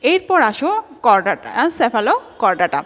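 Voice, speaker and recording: A woman teacher giving a biology lecture, her voice pitched a little high. She slows down to pronounce each scientific name carefully, and a long reverb trails behind her words. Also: huge pitch swings. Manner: slow, careful spelling-out of scientific names. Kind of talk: classroom lecture.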